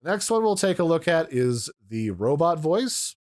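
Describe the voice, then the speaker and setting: A man's voice: on the high side, very animated, moderate pace, a little mellow, dry recording, clean studio sound. A man giving a casual, explanatory demo of audio mixers, pointing out their controls, recorded at home. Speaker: tech reviewer. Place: home room.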